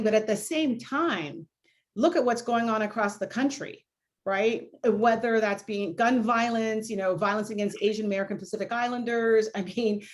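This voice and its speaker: A woman born in Jamaica and raised in Canada, now a law school dean, answers questions on a video panel. Her medium-pitched voice sounds reflective and candid, dotted with frequent "you know" fillers.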